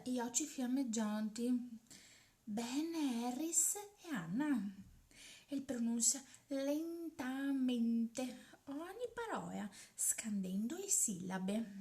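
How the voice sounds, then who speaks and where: Female comic reader, Paduan Italian dialect, raised pitch, drawn-out slow delivery, theatrical improvised storytelling with hushed touches. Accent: Paduan Venetian. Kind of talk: improvised comic dialect reading of a romance novel.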